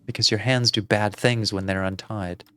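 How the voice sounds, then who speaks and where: A creepy aunt from a dark video game, soothing on the surface and sinister underneath, voiced by a man who drops his pitch and softens to a hush. Each line lulls and unsettles at once. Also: fairly even intonation, moderate pace, smooth. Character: eerie soft-spoken aunt, sinister and soothing.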